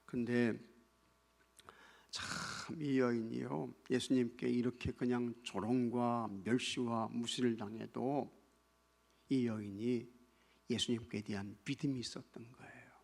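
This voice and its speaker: A male pastor preaching a sermon. He swings between loud, emphatic lines and soft near-whispers, and keeps asking the congregation questions. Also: mid-range voice, flat delivery, measured pace, vocal fry.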